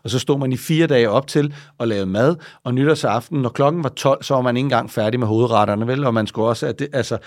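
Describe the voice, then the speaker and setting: A man's voice: mid-range voice, few pauses, dry recording, clean studio sound. A man talking casually as an interview guest, rambling and often checking in with little tag questions and restarts.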